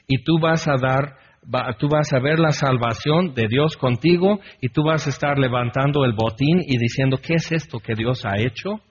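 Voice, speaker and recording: A man's voice: medium pitch, moderate pace, slightly rough. A man preaching a sermon as pastor in an earnest way, leading his congregation in a responsive psalm reading. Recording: dull lo-fi recording.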